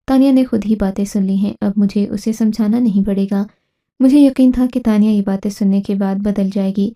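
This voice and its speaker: A woman narrating a dramatic family story in the first person, in a steady, scripted storytelling manner. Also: medium pitch.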